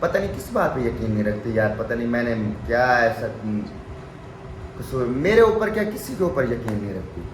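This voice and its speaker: A man's voice: medium pitch, very animated, moderate pace. A young man talks straight to the camera in an earnest, pleading tone and keeps checking that his viewers follow him. His voice sits in a middle register. A faint hiss of background noise runs under his talk. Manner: earnest, pleading, repeats "okay?" tags. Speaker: vlogger. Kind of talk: casual vlog talk to camera.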